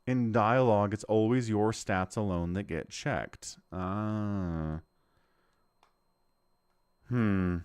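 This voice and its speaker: A man commentating as he plays a role-playing game, playfully thinking out loud and reading the text aloud. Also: on the low side, slow pace, pauses often, clear, resonant tone, no room sound, clean studio sound.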